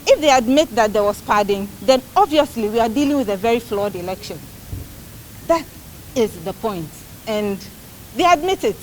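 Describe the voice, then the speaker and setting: Emphatic Ghanaian woman, slightly high voice, background noise. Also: rough recording. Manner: emphatic, deliberate, point-by-point delivery. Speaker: political party spokesperson. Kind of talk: press briefing on a court case.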